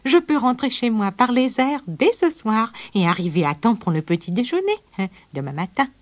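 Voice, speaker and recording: A woman's voice: on the high side, very animated, normal speed, no room sound, voice pushed down. Woman reading as a cheerful absent-minded old professor. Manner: eager, exclaiming, with many "oh"s. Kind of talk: children's storybook reading.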